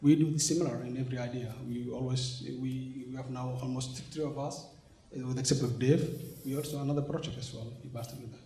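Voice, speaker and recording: With a warm, mid-range voice and a steady tone, a Somali man in his forties talks a little fast, hardly pausing, in a conversational English interview. He represents an organization and is hesitant, with many fillers and restarts. The setting is an echoey indoor conference venue.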